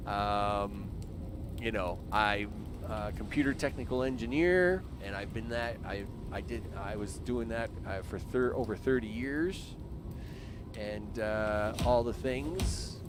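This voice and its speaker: This early-fifties streamer speaks slowly in a lowish voice, with noise in the background. Narrating his own gameplay, he chats loosely to himself and his viewers, filling the gaps with plenty of fillers.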